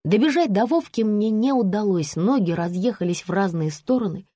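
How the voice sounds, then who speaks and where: A woman narrating a first-person novel as an audiobook in a brisk, expressive way. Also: mid-range voice, dry recording, clean studio sound.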